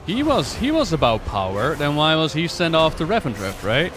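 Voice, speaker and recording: A man's voice: on the high side, very animated, moderate pace, background noise. A man giving casual livestream game commentary, rambling and musing aloud in a playful way. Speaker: game streamer and lore commentator. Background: game music and effects.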